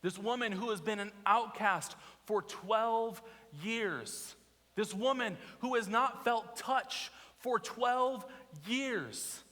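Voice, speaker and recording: A man's voice: high voice, slow pace, pushed and bright, big-room sound. A man preaching a sermon as a pastor, telling stories animatedly and asking the congregation rhetorical questions. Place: church sanctuary.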